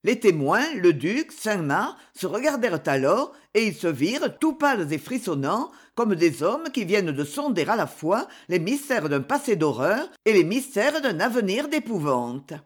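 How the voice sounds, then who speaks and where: A woman narrating a novel aloud in a dramatic, expressive manner. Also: mid-range voice, normal speed, few pauses, slightly rough. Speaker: audiobook reader.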